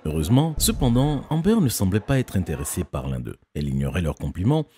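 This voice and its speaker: Deep, lively man narrating an animated story. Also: fast, slight background noise. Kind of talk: scripted first-person narration for an animated story.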